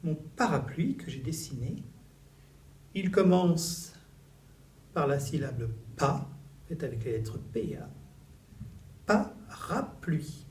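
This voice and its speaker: Man, schoolteacher, slow and singsong, fairly high voice, echoey classroom, off-mic. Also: far from the mic. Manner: slow, sing-song and animated, stretching syllables. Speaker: teacher. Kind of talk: recorded reading lesson for young children. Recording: echoey room, voice a little off-mic, faint background noise.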